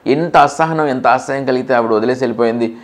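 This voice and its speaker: A man's voice: mid-range voice, fast. A man speaking as a doctor, telling a patient's story in an earnest first-person way and repeating key points for emphasis.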